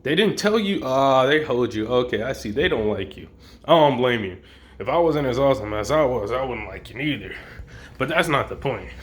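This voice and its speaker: A man's voice: medium pitch, expressive, normal speed, close to an everyday voice. A man voicing laid-back male dragons that talk in easygoing slang with a touch of smugness.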